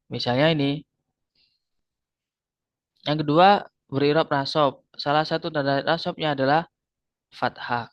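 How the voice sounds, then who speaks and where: A man's voice: fairly high pitch, dry recording. Man teaching grammar in a dull, dry recording. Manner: explains patiently, repeats terms, quizzes students. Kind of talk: online grammar lesson. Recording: dull lo-fi sound.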